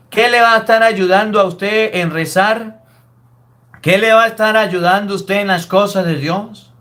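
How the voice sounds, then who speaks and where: High-voiced priest preaching. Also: male voice, a bit bright. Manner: emphatic, scolding preaching with rhetorical questions. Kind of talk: sermon.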